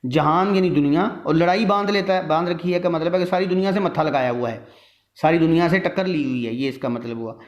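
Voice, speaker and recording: A man's voice: fairly high pitch, lo-fi sound. A man teaching a literature lesson, explaining a text word by word and sounding tired from long talking. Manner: explains each word and line step by step.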